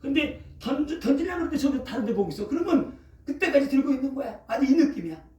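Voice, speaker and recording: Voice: high-pitched, animated, quick pace, warm tone. A preacher in their sixties giving a casual, colloquial sermon, constantly checking in with the congregation with a questioning "eh?" and using vivid sound words. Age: 60s. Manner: keeps checking in with the congregation, asking "eh?" after each phrase. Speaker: pastor. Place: church sanctuary. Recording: roomy echo, voice picked up from a distance.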